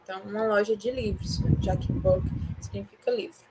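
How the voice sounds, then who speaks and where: An English teacher with a Brazilian Portuguese accent runs an online class, patiently walking students through each step and checking in with them often. Her voice is medium-pitched and steady, her pace brisk, and the recording is very noisy.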